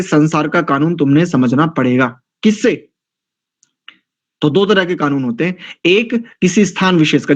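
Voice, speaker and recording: Brief: male scripture teacher, high pitch, rhetorical lecture style, dull lo-fi recording. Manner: rhetorical, questioning, acts out quoted excuses. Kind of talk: Hindi religious lecture.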